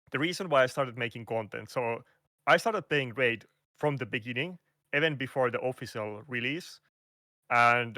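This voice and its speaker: In a casual interview over a call, a guest content creator with a Finnish accent keeps hunting for words, using fillers and restarting often, with non-native phrasing. His medium-pitched voice sounds bright and forceful. The recording is close and dry, with no room sound at all.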